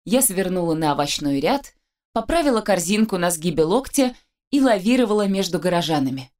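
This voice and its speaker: A woman narrating a first-person story as an audiobook reader, with lively storytelling and a dry wit. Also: on the low side, fairly quick.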